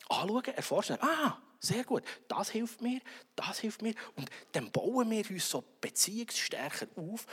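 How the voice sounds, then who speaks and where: A man preaches with a high, husky voice that jumps around in pitch. He acts out little everyday dialogues and keeps checking in with his listeners. His voice rings with the long reverb of a large hall. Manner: animated, acts out little dialogues, frequent "oder?". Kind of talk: sermon.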